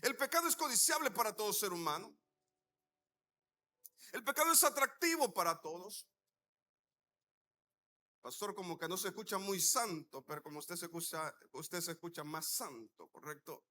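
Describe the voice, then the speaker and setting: A man's voice: sits high, expressive, moderate pace, long pauses, sharp tone. A man preaching a sermon, telling a story with acted-out dialogue and asking the congregation rhetorical questions.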